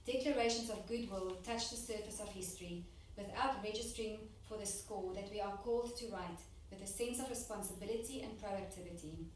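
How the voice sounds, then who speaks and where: A woman interprets a ceremonial speech phrase by phrase in a steady, plain delivery, now and then restarting a word. Her voice sits at a middle pitch and is heard from across a hall, with strong reverb and a faint hiss underneath. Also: moderate pace. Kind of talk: consecutive interpretation into English. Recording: echoey hall, distant mic, faint noise.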